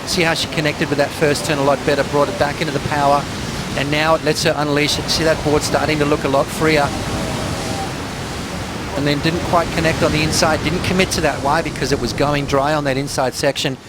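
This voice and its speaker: A man's voice: fairly high pitch, flat delivery, a little fast. A man giving conversational, laid-back surf replay analysis, explaining each move as it happens. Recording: clear surf noise behind. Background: ocean waves.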